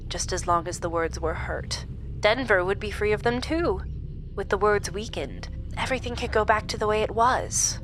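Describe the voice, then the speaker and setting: In a horror audio drama, an actress plays a sinister supernatural woman who holds someone captive, gloating and scheming in a calm, theatrical, mock-polite manner. Her medium-pitched voice sounds natural, and her mood is cruel and satisfied.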